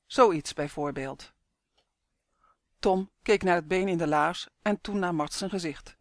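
Brief: calm storybook narrator, mid pitch, even and measured, dry close recording. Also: dry recording. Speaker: audiobook narrator. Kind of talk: scripted audiobook narration.

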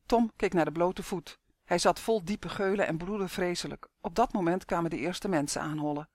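An audiobook narrator reading a story in a calm, even storytelling manner. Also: medium pitch, normal speed, dry recording, clean studio sound.

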